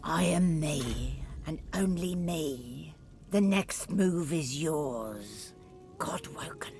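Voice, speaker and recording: A weary, desperate sorceress spirit from a fantasy game. Her low voice crackles with fry and swings widely as she pleads in theatrical anguish. Music plays clearly behind her. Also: expressive, drawn-out words, a little mellow, exaggerated voice. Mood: defiant, quiet. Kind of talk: dramatic video game acting.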